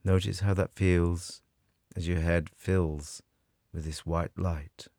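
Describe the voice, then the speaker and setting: Very deep, slow, gravelly male meditation guide. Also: flat delivery, a little mellow, no echo, studio quality. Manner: soothing, measured, with long pauses. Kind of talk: guided meditation narration, scripted.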